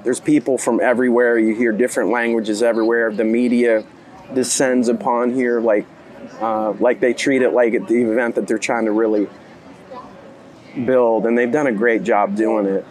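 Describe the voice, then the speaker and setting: Guest sports analyst: middle-aged man, gravelly, conversational delivery. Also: mid-range voice, level tone, normal speed, a little mellow. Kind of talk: casual sports chat.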